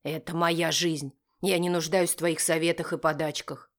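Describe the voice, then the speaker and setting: A woman's voice: flat delivery, normal speed. A woman voicing a confident, protective young man who speaks dryly and firmly. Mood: cold, firm. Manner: dry, firm, low-voiced.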